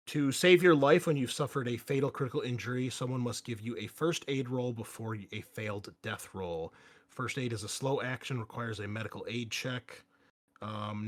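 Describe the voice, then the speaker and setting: A game master with a mid-pitched voice leads a tabletop roleplaying session, casually alternating between rules explanations and scene narration. His manner is relaxed and profane.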